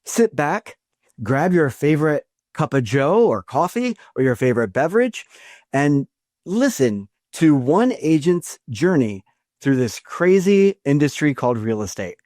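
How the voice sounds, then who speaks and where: A man's voice: on the high side, darkish tone, no room sound, clean studio sound. A man hosting a podcast, reading a scripted opening and then chatting with a guest in a friendly way, with some fillers and restarts. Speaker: podcast host. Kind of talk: podcast interview.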